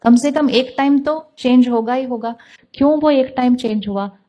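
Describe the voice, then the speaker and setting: A woman giving a calm spiritual talk, putting questions to her listeners and answering them herself. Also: high-pitched, moderate pace. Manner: calm, asks the audience rhetorical questions. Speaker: spiritual teacher.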